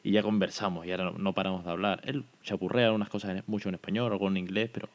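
A man's voice: deep voice, fairly even intonation, dull audio. A man hosting a podcast, chatty and effusive in a casual interview. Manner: chatty and effusive, quick asides. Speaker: podcast host. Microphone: recorded without camera.

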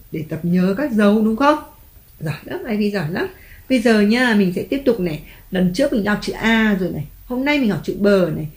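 A mother patiently teaching her child letters and tone marks at home, slowly drawing out the spelling and praising often. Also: medium pitch, a little mellow. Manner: patient, encouraging, drawn-out spelling. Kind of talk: home reading lesson for a child. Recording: echoey room, faint background music.

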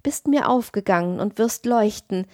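A woman's voice: mid-range voice, animated, normal speed, warm tone, no room sound, clean studio sound, natural voice. A woman voicing a young male student who is feverishly in love, pleading ardently in a raised voice. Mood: rapturous.

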